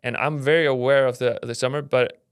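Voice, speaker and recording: A man's voice: medium pitch, steady tone, fairly quick, clear, resonant tone, no echo, studio quality. A man in his late twenties from Iceland, a guest speaking casually in an interview with many restarts. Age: late 20s.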